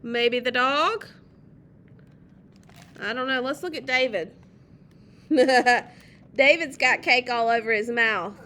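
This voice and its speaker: High, slow storytime reader, woman. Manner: gentle, expressive, drawn out. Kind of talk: reading a picture book aloud to children.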